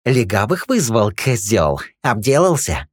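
A man's voice: wildly swooping pitch, unhurried, slightly rough, no room sound, studio quality, heavily acted. A man voicing a fat, hot-tempered male gang boss who shrieks and hurls insults. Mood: hissing furious. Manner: shrill, insulting, yelling.

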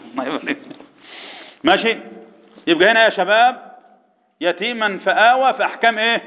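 A man with an Egyptian accent teaching Quran recitation rules to a class, firing quick repeated questions at students and chanting verses slowly. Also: sits high. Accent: Egyptian Arabic. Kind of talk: classroom tajweed lesson. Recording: echoey hall, dull lo-fi sound.

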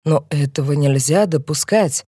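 A woman's voice: sits low, normal speed, warm tone, husky, no room sound, clean studio sound, pitched below the performer's own voice. A woman voicing a sad, trembling old man. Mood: apologetic. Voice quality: trembling, downcast. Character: sad elderly man, retired finance director.

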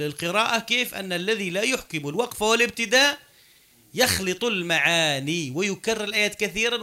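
A man with an Algerian Arabic accent lectures a classroom. His voice sits high for a man and sounds bright and forceful. He switches between dialect and formal Arabic and checks his students with questions as he explains. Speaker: teacher.

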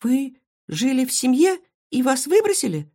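Very high, squeaky young female guinea pig, eager and gushing. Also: very animated, normal speed. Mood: excited. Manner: squealing, exclaiming, breathless delivery.

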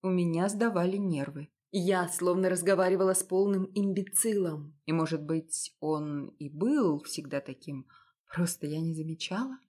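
Low-voiced woman reading a novel. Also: normal speed, dark tone. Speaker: audiobook narrator. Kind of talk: first-person novel reading.

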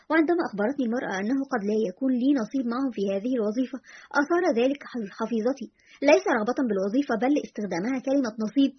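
A woman's voice: on the high side, breathy edge, dull audio. A woman voicing a sarcastic young smoker. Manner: mocking, dry. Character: sarcastic, defiant young man who smokes.

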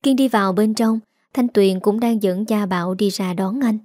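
A woman narrating a family story in a steady, even reading voice. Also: medium pitch, moderate pace, no room sound, studio quality.

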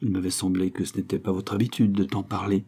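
A man's voice: deep voice, little pitch movement, fast, warm tone, breathy edge. A man reading the part of a young woman who answers in a dry, firm, clipped way. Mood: curt. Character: cool, curt young woman, a gifted musician.

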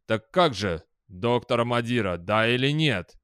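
A stern, powerful chairman, as a male audiobook reader puts him on. He speaks slowly and loudly, weighing each word, in a close, dry recording. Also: mid-range voice, animated, smooth, no room sound. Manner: slow, weighty, commanding.

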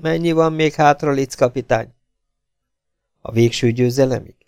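A man reading an audiobook voices a middle-aged actress dependent on morphine, talking erratically and swinging between sharp outbursts and hushed murmurs. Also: mid-range voice, clear, resonant tone, no echo, clean studio sound, voice pushed up, natural voice. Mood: feverish.

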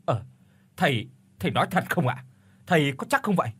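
A man's voice: a little high, big pitch swings, fairly quick, fairly bright tone, slightly rough, voice pushed up, heavily acted. A man voicing an older village landlord who stammers and fusses anxiously. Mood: doubtful. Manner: flustered, stammering.

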